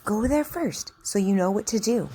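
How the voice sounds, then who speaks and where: A woman giving an instructional articulation drill, enunciating deliberately and encouraging the learner as she models sentences to repeat. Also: mid-range voice, lively intonation, dark tone, slightly rough. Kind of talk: instructional drill, reading practice sentences for repetition.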